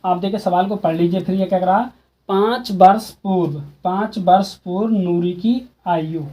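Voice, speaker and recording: A man with a Hindi accent and a high-pitched, mellow voice explains a textbook maths exercise at normal speed. He teaches casually, repeating the steps and asking students questions.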